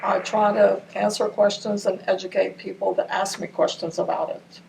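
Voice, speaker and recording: In an oral history interview, an older woman from Ramallah whose first language is Arabic looks back on her childhood at a normal speed. Her delivery is flat, her medium-pitched voice darkish with vocal fry, heard through a distant mic with faint noise.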